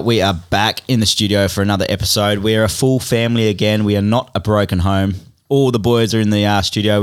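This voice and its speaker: A man's voice: lowish voice, clear, resonant tone. An Australian man hosting a casual podcast, egging his mates on and laughing often. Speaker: podcast host. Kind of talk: casual chat.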